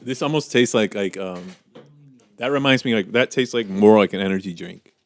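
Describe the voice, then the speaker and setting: A young man co-hosting a podcast, chatting playfully and pitching ideas. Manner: playful, suggests ideas, does quick impressions. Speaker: podcast co-host. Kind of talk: casual chat.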